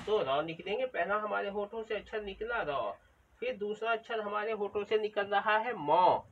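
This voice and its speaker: A man teaching children, slow and patient, repeating each sound aloud as he goes. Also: high voice. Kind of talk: patient spoken lesson. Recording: distant, dull lo-fi sound.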